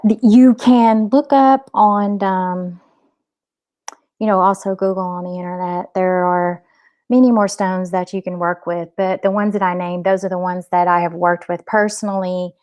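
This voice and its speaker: A woman speaking as a spiritual coach, giving an informal healing talk in a gentle, hesitant way with frequent pauses. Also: on the low side, steady tone. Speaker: spiritual coach and energy healer.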